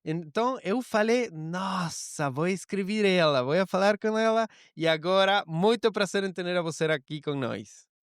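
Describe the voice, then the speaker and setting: Upbeat high-voiced male podcast host. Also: normal speed, smooth, no echo, studio quality. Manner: lively, mixing Spanish and Portuguese. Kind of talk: travel podcast interview.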